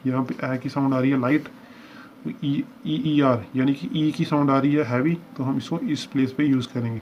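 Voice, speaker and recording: Guy teaching shorthand step by step, goes over examples again and again, muffled lo-fi audio with a little hiss. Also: medium pitch. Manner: explains step by step, repeating examples. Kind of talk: lesson walkthrough. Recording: dull lo-fi recording with faint hiss.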